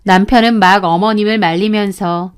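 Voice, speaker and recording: A woman's voice: mid-range voice, steady tone, normal speed, clean tone. A woman in her thirties narrating her own story as a daughter-in-law, indignant and complaining, acting out the dialogue.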